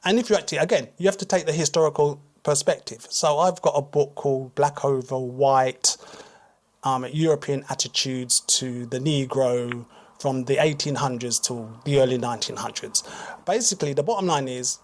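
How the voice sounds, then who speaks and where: A British man speaking as a guest author on a radio talk show, explaining in a measured way and repeating words as he thinks. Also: mid-range voice. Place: radio studio.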